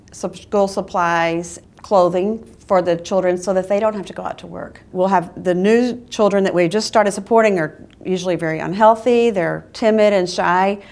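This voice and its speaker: A woman's voice: lowish voice, a little mellow. A woman in an interview earnestly explaining a children's sponsorship program.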